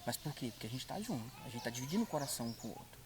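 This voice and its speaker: Fast-talking earnest man. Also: mid-range voice, big pitch swings, noisy background. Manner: earnest, quick, repeats points for emphasis. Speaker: guest. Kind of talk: casual chat.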